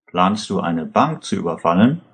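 A man's voice: sits low, sing-song, normal speed, a bit bright, heavily acted. A man voicing a worried middle-aged pharmacist, an anxious father asking earnest questions.

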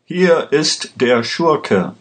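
A man voicing a desperate accused man who pleads and shouts in court. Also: on the low side, animated, unhurried. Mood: triumphant shouting. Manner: urgent, pleading, often shouting.

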